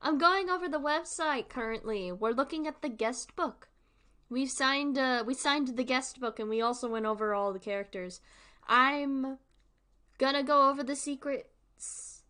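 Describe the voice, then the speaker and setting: A woman hosts a livestream, offering casual, informal commentary and rambling as she thinks aloud. Her voice sits high and sounds bright and forceful, with an unhurried pace.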